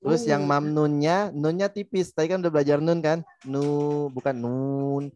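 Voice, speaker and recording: A man's voice: a little high, steady tone, normal speed, darkish tone, no echo. A man with an Indonesian accent teaching Quran recitation, patiently explaining and modeling sounds. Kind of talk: online tajwid lesson.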